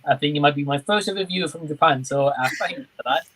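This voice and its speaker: Against a noisy background, a livestream host with a slightly high voice talks at a quick pace. He keeps the chat informal and friendly, wandering a bit as he reads viewers' comments aloud.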